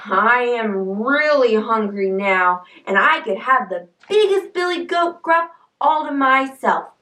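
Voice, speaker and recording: Lady doing a grumpy hungry troll, gruff and slow, storybook style. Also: fairly high pitch, animated, sharp tone, echoey room, far from the mic, full character voice, rough recording. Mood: mean hungry. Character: mean hungry male troll under a bridge.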